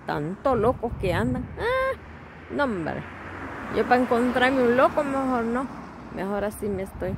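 A woman's voice: a little high, sing-song, unhurried, background noise. A middle-aged woman, chatting casually to her followers while waiting outdoors. She holds her phone in her hand to record, rambles, and often laughs. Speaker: vlogger. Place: outdoors at a bus stop. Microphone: phone held in hand.

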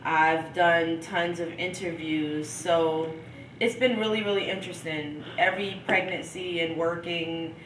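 A woman's voice: lowish voice, fairly even intonation, a little slow, far from the mic, noisy background. A young woman chatting casually in a home video diary, stuffed up with a cold and laughing between thoughts. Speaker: vlogger. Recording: echoey room, from off the mic.

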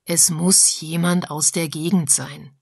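A woman voicing an insistent male investigator with a raised, urgent delivery and a husky, gravelly voice. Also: fairly high pitch, steady tone, takes it slowly, no room sound, clean studio sound, heavily acted.

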